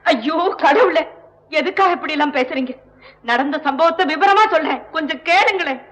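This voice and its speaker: An actress playing a proud, defiant young dancer, pleading and firm in old film dialogue. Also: female voice, sits high, moderate pace, a bit bright, long reverb tail, poor audio.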